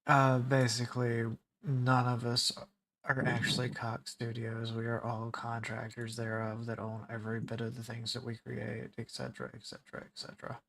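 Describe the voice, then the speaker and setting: Male co-host, mid-pitched, dry deadpan jokester. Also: creaky. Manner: jokey, deadpan, many quick affirmations. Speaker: podcast co-host. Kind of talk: casual chat.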